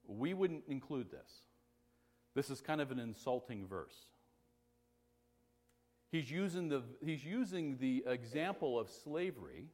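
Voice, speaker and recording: A man preaching from the pulpit in a mid-range voice, animated and passionate. He swings between loud, excited bursts and hushed, conversational explanation, with restarts and a teasing humor. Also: medium pitch. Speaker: pastor. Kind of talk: sermon.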